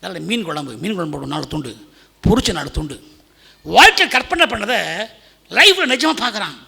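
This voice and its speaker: A man preaching a sermon in a Tamil accent, telling a story and swinging from loud pleading to hushed tones. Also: high-pitched, big pitch swings, brisk, creaky, husky.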